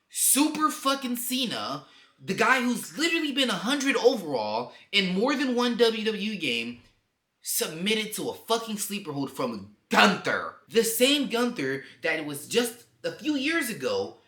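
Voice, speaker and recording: Speaking into his camera's built-in mic in a room full of echo, this young male wrestling vlogger delivers an opinionated rant. His medium-pitched voice sounds bright and strained as he swears, gets worked up, and hammers his points home.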